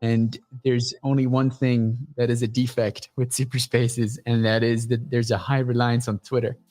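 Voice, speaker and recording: A man talking as a guest on a casual livestream show, pitching his startup in a blunt, profane, energetic way. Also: moderate pace.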